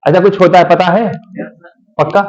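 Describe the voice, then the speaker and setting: A man teaches English grammar in a somewhat high voice. He coaxes his students, keeps checking whether they understood and slows right down to dictate example sentences. The recording sounds dull and lo-fi. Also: fairly even intonation, darkish tone. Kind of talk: classroom grammar lesson.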